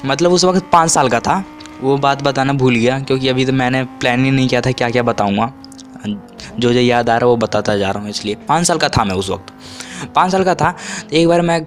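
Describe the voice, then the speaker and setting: Telling stories from his childhood, a vlogger in his twenties rambles casually, frequently starting over and correcting himself. Whenever he quotes someone, his pitch suddenly shoots up.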